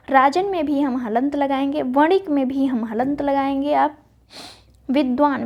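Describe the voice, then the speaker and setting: A woman teaching spelling for an exam, reading out word pairs and answering her own questions. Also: high-pitched. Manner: recites word pairs, asks and answers herself. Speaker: Hindi exam-prep teacher. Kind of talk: online lesson, spelling drill. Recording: dull lo-fi audio.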